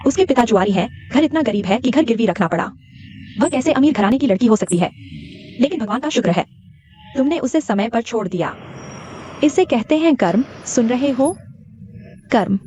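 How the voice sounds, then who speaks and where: A woman's voice: a little high, expressive, moderate pace, pauses often, dark tone, a little hiss or hum, natural voice. A woman voicing a spiteful, gloating young rival. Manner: mocking, taunting. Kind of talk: Hindi dubbed TV drama. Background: drama score music.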